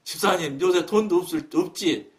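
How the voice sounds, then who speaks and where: A man's voice: high-pitched, normal speed, pitched below the performer's own voice, lightly acted. A man voicing a senior male pastor who speaks in a polite, formal, hesitant way.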